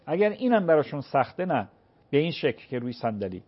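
A man answering viewers' religious questions on a call-in program, explaining patiently and slowly acting out prayer recitations. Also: fairly high pitch, big pitch swings, muffled recording.

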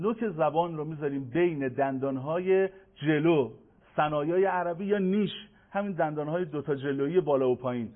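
A man teaching Quran pronunciation in a televised lesson, patient and formal, addressing viewers politely and slowing down to chant verses. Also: fairly high pitch. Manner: slows to chant Arabic verses. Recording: tinny phone-like broadcast sound.

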